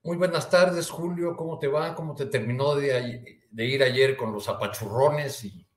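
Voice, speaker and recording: A man with a Mexican Spanish accent, a columnist guest chatting casually and haltingly, with many restarts and fillers. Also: medium pitch, reverberant. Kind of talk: casual chat.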